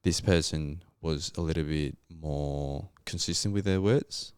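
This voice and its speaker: Here the young Colombian guest talks a little slowly in a very deep, darkish, clean-toned voice. It's a casual podcast interview where he reflects on his story with plenty of fillers and a Colombian Spanish accent. The studio sound is clean, without any room sound.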